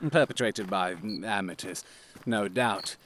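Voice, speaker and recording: An actor playing Sherlock Holmes as a shrewd, confident gentleman detective, precise and theatrical in an audio drama. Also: lowish voice, measured pace, a little hiss or hum. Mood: analytical, assured. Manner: precise, instructing, theatrical delivery.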